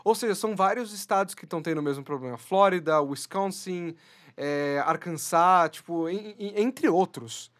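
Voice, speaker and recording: A man's voice: high voice, moderate pace, fairly bright tone. A Brazilian man co-hosting a podcast, rambling and stammering through jokey news chat. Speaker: podcast co-host. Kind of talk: casual comedic news chat.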